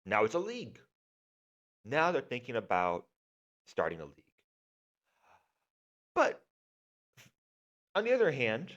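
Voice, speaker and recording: A man's voice: on the low side, a bit bright, dull audio. A man hosting a solo basketball podcast, talking casually with fillers and restarts and slipping into sarcasm. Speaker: podcast host. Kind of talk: solo sports podcast monologue.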